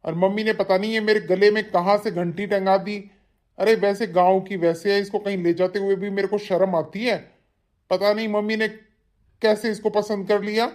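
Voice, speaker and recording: An irritable young husband in a cartoon, voiced by one actor. He snaps, scolds and complains at a mid pitch. He sounds fed up with his wife. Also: flat delivery, moderate pace, darkish tone, close to an everyday voice. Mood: exasperated. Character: irritable young husband, short-tempered and rude. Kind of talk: cartoon voice acting.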